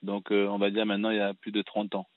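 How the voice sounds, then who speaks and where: A man in his thirties from Cameroon calls in to a radio program. He speaks in a low, rather even voice, earnest and halting, often restarting his sentences. The sound is tinny and narrow like a telephone line, with no room echo. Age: 30s. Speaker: caller. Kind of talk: phone-in personal testimony.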